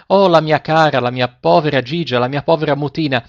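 A trembling, exclamatory gardener father, pushed up in pitch and full of feeling, as a man voices him in a storybook reading. The recording sounds slightly muffled and lo-fi. He pleads and marvels in turn. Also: fairly quick, no room sound, lightly acted. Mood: overjoyed. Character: grieving, overjoyed middle-aged gardener father. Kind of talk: audiobook reading.

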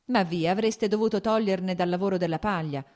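A woman's voice: mid-range voice, a little fast, a little mellow, pitched above the performer's own voice, close to an everyday voice. A woman doing an irritable landowner, scolding. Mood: terse questioning. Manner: raised, scolding questions. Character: irritable landowner man, short-tempered, exasperated.

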